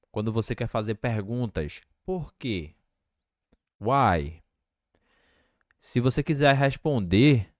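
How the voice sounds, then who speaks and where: Male English teacher, low voice, unhurried lesson delivery with many repetitions, dry sound. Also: no echo. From Brazil. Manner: slow, repeating example phrases deliberately. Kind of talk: language lesson.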